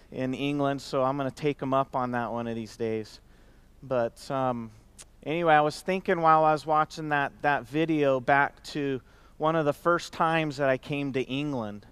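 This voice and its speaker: A man speaking to a company gathering in a warm, rambling way, with many fillers and restarts. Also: fairly high pitch, clear, resonant tone. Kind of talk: conference speech.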